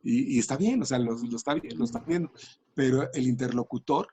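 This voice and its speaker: A man's voice: mid-range voice, lively intonation, a little fast, dark tone, slight background noise. A man explaining language and communication in an interview, thoughtful and full of small restarts. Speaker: education and language researcher.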